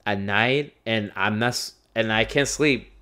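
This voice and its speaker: A man's voice: lowish voice, unhurried, pushed and bright. A young man co-hosting a casual podcast at a bar, talking in laid-back, profane banter with many restarts. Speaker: podcast co-host. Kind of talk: casual chat over beers.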